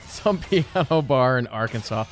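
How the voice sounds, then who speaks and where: A man's voice: fairly high pitch, a little hiss or hum. A man in his thirties streaming a game, chatting casually in a joking, self-mocking, rambling way. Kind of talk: casual chat. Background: game music.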